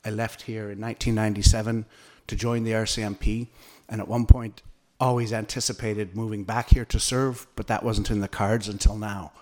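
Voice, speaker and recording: A man's voice: fairly low pitch, flat delivery, brisk, hardly any pauses, a little mellow. A middle-aged man from Nunavut, Canada, a senior police officer introducing himself formally at a council meeting.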